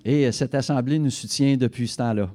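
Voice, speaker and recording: Mellow-voiced male church interpreter. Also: medium pitch. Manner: brisk, fluent, occasional self-corrections. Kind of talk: live interpretation into French. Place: church service.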